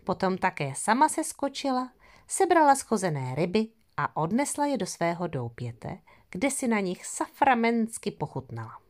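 A woman narrates a children's fairy tale with an expressive, storybook delivery. Her voice sits at a middle pitch and swings through a wide, lively melody. She reads with clear, playful emphasis.

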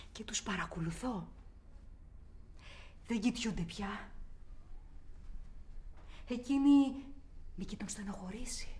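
A woman's voice: a little high, darkish tone, natural voice. An actress performing a theatrical monologue as a young woman haunted by childhood abuse, repeating words obsessively and swinging between whispers and outbursts. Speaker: actor.

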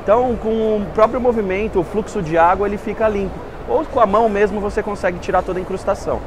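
A man representing a company, giving a lively, persuasive pitch with rhetorical questions at a boat show stand. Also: quick pace, background noise. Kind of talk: enthusiastic sales pitch.

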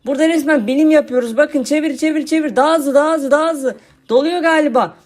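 A woman giving cheery, excited commentary on a video game for her channel, urging her character on and talking to viewers as friends. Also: sits high, fast. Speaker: gaming channel host.

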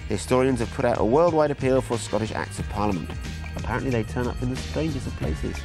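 A man's voice: mid-range voice, fast, gravelly, music in the background. Wry middle-aged male TV presenter. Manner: wry, jokey asides. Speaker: documentary presenter. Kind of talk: presenting a TV documentary. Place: outdoors by a brick building, sitting with a laptop.

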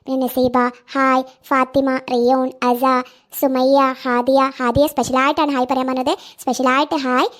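Brief: woman host, high voice, casual chatty shout-outs. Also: level tone, moderate pace. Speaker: channel host.

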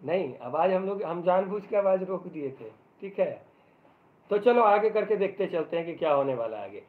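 A male teacher giving a live online English lesson in Hindi, joking as he explains and reading the English passages aloud very slowly. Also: high-pitched, animated. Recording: tinny phone-like audio.

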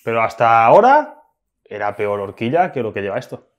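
A man's voice: mid-range voice, big pitch swings, fairly quick, dull audio. A man in a casual motorcycle chat, making matter-of-fact technical remarks about suspension.

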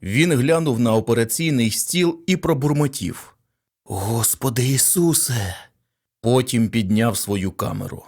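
A man's voice: mid-range voice, normal speed, few pauses. Man narrating a short story. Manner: steady storytelling. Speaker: audiobook narrator. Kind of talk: scripted narration.

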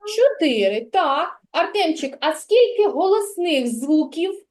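A woman's voice: very high-pitched, very animated, slow, a little mellow. A woman kindergarten teacher leading a literacy lesson for young children, patient, drawing out her praise and prompting questions.

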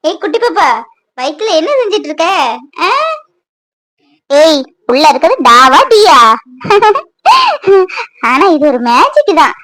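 A woman's voice: high voice, big pitch swings, a little slow, long pauses, fairly bright tone, dry recording, full character voice. Woman voicing a chatty pregnant young wife. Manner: chatty, talks to her unborn baby.

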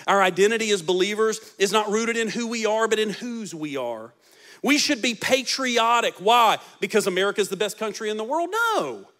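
On a large church stage, a forties-aged pastor delivers his sermon through a handheld mic at a moderate pace. His pitch swings widely, and his volume moves between loud, emphatic lines and soft, low ones.

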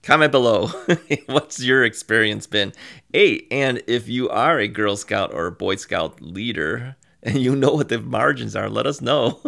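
A man with a gravelly, creaky voice co-hosting a casual podcast chat. He is relaxed and easygoing, laughs often and speaks at an average pitch. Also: unhurried. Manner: easygoing, laughs often, wraps up with a channel plug. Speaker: podcast co-host.

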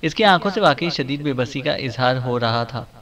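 A male audiobook narrator reading a novel in a steady, even storytelling delivery. His voice sits at a middling pitch and moves evenly through the scripted narration. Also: moderate pace.

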